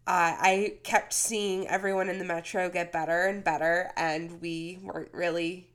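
A woman's voice: lowish voice, flat delivery, normal speed. A woman co-hosting a podcast with casual sports talk, speaking while sick with a cold. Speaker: podcast co-host.

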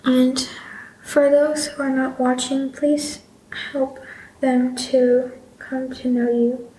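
A young female family member leading a spoken prayer, shy and halting. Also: sits high, little pitch movement, dark tone, echoey room, slight background noise, rough recording.

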